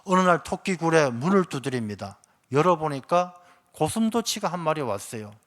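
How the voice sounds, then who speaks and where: A man preaching from the pulpit in a church, his voice sitting a little high for a man. He tells stories with animated swings in his delivery, slipping into the voices of the characters he describes. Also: normal speed. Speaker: pastor. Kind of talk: sermon with storytelling. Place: church sanctuary.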